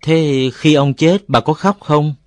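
Curious simple-minded island boy, earnest and a bit loud, as a male narrator puts him on, dry sound. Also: on the high side, fairly even intonation, slow pace, dry recording, pitched above the performer's own voice.

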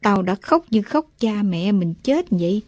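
Sorrowful old village woman, high and plaintive, as a male narrator puts her on, close dry audiobook sound. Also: expressive, a little slow, darkish tone, dry recording.

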